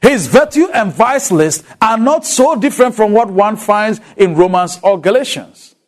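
An animated, high-sitting male voice at normal speed, this speaker is from Ghana and has a Ghanaian accent, with English as a non-first language. He lectures on a letter of the Bible and asks his listeners rhetorical questions.

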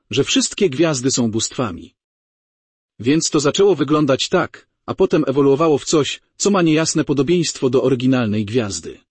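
Male university lecturer, husky tone, dry close recording, explaining step by step. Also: mid-range voice, no echo. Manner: explanatory, drawing on a board as he talks. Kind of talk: classroom lecture on ancient writing.

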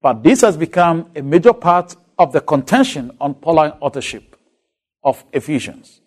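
With a sing-song, somewhat high voice and a darkish tone, this man speaks at an ordinary pace. He is from Ghana, has a Ghanaian accent, speaks English as a non-first language, and lectures on a Bible letter while asking rhetorical questions.

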